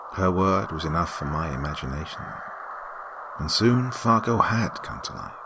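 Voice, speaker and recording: A man narrating a scripted horror story in a hushed, creeping manner. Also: rumbling low. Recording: music bed behind the voice.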